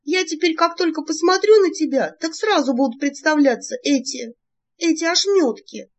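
A woman voicing an excitable young female witch student with a high, shrill delivery, in a dull lo-fi recording. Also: moderate pace.

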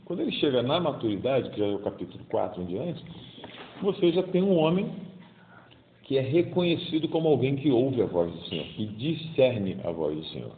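Animated Carioca preacher in his fifties. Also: medium pitch, moderate pace, slight background noise. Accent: Carioca Brazilian Portuguese. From Rio de Janeiro, Brazil. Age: 50s. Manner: colloquial, acts out voices in stories. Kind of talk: conversational daily homily. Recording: tinny, echoey hall sound.

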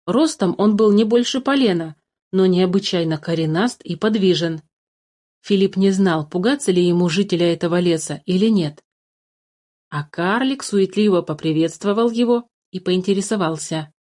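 A woman reading a fairy tale aloud as narrator, measured and expressive. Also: lowish voice. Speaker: storyteller. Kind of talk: storybook narration.

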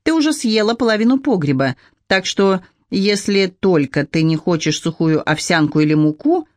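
Reader doing a nervous kind mum in a storybook, gentle but firm, dry sound. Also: medium pitch, expressive, moderate pace, no room sound, natural voice. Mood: anxious. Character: anxious gentle mother, trying to stay firm. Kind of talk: audiobook narration.

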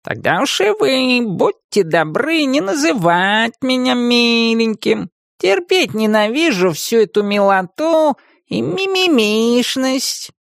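A woman voicing a world-weary, ironic male cat in an audiobook, talking slowly and dryly. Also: on the high side, big pitch swings, gravelly, no echo, clean studio sound, voice pushed up, heavily acted. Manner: slow, drawling and dryly ironic.

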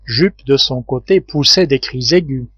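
A man reading a classic adventure novel aloud in a measured, steady narration. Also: mid-range voice, breathy edge, no echo, highs cut off. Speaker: audiobook reader. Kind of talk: scripted narration.

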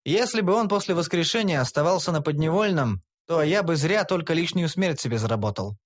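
Wry, expressive audiobook narrator, a man. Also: a little high, a little fast. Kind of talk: humorous first-person audiobook narration.

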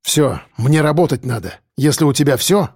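A man's voice: fairly high pitch, lively intonation, normal speed, darkish tone, breathy edge, no room sound, studio quality. A man voicing a nervous, evasive male police chief who talks defensively. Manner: defensive, muttering.

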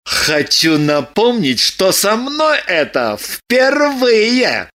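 A woman voicing an excitable, suspicious man with agitated exclamations. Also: mid-range voice, unhurried. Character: excitable, suspicious young-ish man, her lover.

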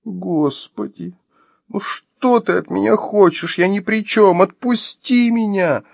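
A man voicing a frightened young woman, shrill, tearful, pleading, high-pitched, audiobook. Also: lively intonation, measured pace, husky, no echo, heavily acted. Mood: frantic. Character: terrified sobbing young woman, ex-wife.

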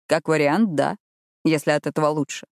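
A woman voicing a calm, self-assured man of twenty-five in an audiobook, speaking with quiet control. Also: sits low, normal speed, gravelly, dry recording, clean studio sound. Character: calm, confident, arrogant young man, age 25. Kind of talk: audiobook reading.

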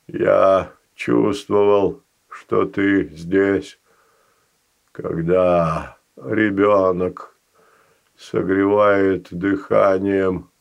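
A man voicing an ancient, gentle male ice golem who speaks faintly, slowly and haltingly, in a storybook reading. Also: deep voice, gravelly, dull audio, exaggerated voice. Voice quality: faint rustling voice. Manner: slow, halting, pauses between words.

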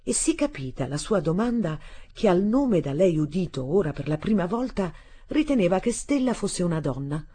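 Husky woman reading a novel aloud. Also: fairly low pitch, very animated, dark tone. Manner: measured, dramatic reading. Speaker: audiobook reader. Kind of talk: literary audiobook narration.

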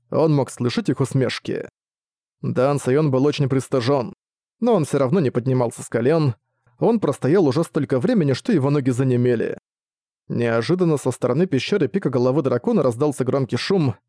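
A man narrating a fantasy novel in a steady, measured storytelling manner. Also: medium pitch, no room sound, clean studio sound. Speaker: audiobook narrator.

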